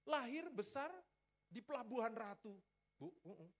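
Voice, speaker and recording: A male pastor preaching in a relaxed, playful storytelling manner, joking with the congregation and acting out conversations with his wife. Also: extremely high pitch, moderate pace. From Riau, Sumatra, Indonesia. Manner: lively storytelling with playful asides, acts out dialogue. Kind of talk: sermon. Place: church.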